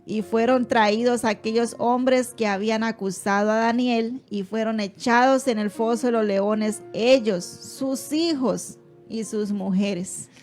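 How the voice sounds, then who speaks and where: Slow, measured woman reading scripture. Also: a little high, fairly even intonation, darkish tone, faint music behind. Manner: measured, deliberate reading with brief affirmations.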